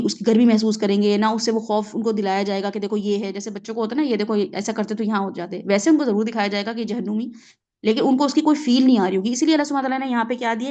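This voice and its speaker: Her voice sits a little high with a darkish tone, and the highs are cut off. Speaking with a Pakistani Urdu accent, she teaches a word-by-word Quran reflection lesson, mixes in English and keeps checking in with her audience.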